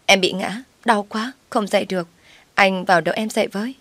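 A woman's voice: medium pitch, a little fast, a bit bright, dry recording, voice pushed up, close to an everyday voice. A woman voicing a scheming young woman who talks in a sugary, pleading way in a told story. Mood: coaxing, wheedling.

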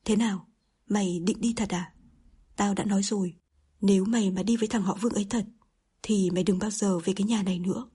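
A harsh older mother berating a young suitor with contempt, read by a woman narrator. The voice is very breathy and mellow, almost whispered. It sounds like a storybook reading. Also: mid-range voice, fairly even intonation, brisk. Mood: angry. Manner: scolding, contemptuous.

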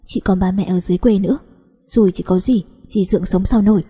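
A woman narrator puts on a young cousin who is protective and tender, coaxing one moment and scolding the next. The voice stays dark and husky, with a long reverb behind it, as in an audio storybook. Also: medium pitch, steady tone, quick pace, close to an everyday voice.

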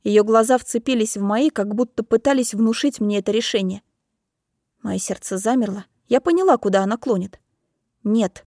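A woman's voice: fairly high pitch, fairly quick, darkish tone, no room sound, studio quality. A woman narrating a first-person audiobook in a dramatic, emotional storytelling manner.

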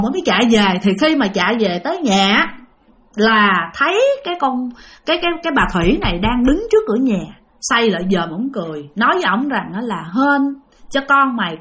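Brief: female ghost-story narrator, Southern Vietnamese accent, lively and expressive, talks straight to listeners. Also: on the high side. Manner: animated, addresses listeners directly. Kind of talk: spoken ghost story telling.

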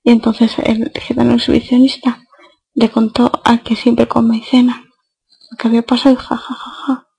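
A woman's voice: fairly high pitch, monotone, moderate pace, creaky, warm tone, husky, low-quality recording. A woman with an accent from Spain, hosting a podcast and telling a rambling comic anecdote in crude, slangy, self-mocking words. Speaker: podcast host.

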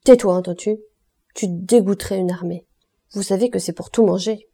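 A woman plays an indignant scolding wife, husky and gravelly, storybook. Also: a little high, brisk, dark tone. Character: quick-tempered married woman, scolding.

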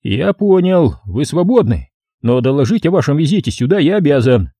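Guy doing a brisk young cop, official tone, somewhat raised voice. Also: fairly high pitch, very animated, mellow, husky, no echo, clean studio sound, pitched above the performer's own voice, full character voice. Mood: firm. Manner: official, firm. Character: brisk young male police sergeant.

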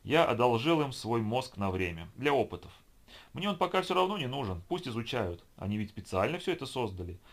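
A man voicing a manic, insane young man who rants gibberish and prophecies in a high, loud voice. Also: very animated, brisk. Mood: haughty. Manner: grandiose, then whining and hysterical.

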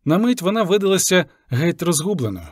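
A man narrating a sea story in the first person with an even, measured reading. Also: high voice, breathy edge, no echo, studio quality. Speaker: audiobook narrator.

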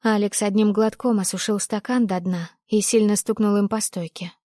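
A woman narrates a first-person story as an audiobook reader, steady and measured, in a medium-pitched voice. The studio-quality recording has no room sound.

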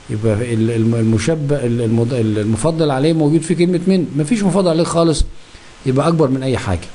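A man's voice: medium pitch, dark tone. A man with an Egyptian accent teaching a grammar lesson, asking questions and answering them himself. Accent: Egyptian Arabic.

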